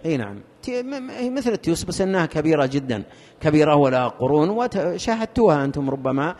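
Gravelly man teaching in a hall. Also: on the high side, sing-song, a little mellow. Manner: halting, repeats words while searching for terms. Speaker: teacher explaining a fiqh text. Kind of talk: lesson commentary. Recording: long reverb of a hall.

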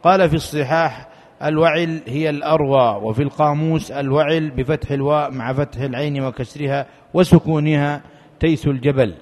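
A man reading a classical legal text aloud in a steady, formal way for a teacher. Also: on the high side, brisk. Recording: long reverb of a hall.

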